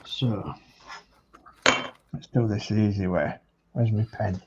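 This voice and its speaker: A man's voice: fairly low pitch, fairly even intonation, slow pace. Hull-accented man muttering over noisy, dull audio. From England, Hull. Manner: muttering to himself while working. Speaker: hobby model-making demonstrator. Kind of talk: casual hands-on workbench commentary. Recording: dull, noisy room recording.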